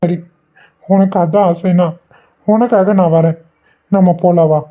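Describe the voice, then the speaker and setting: A woman voicing a patient young husband in a cartoon who reasons with his wife in a steady way. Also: fairly low pitch, a little slow, lightly acted. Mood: reasoning. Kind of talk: cartoon voice acting. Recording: dull lo-fi sound.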